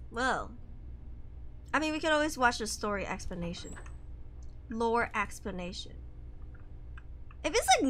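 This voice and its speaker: A woman's voice: high voice, pushed and bright, a little hiss or hum. A young woman streaming a horror game, chatty and jumpy, sniffly with a cold. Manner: chatty, jumpy, swearing and laughing. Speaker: VTuber streamer.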